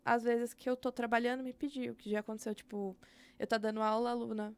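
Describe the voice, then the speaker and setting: A young adult woman with a Brazilian Portuguese accent speaks quickly in a slightly high voice that barely shifts in pitch, with a clean tone. As a podcast guest, she talks openly about her educator work in a casual interview. She thinks aloud and uses fillers frequently.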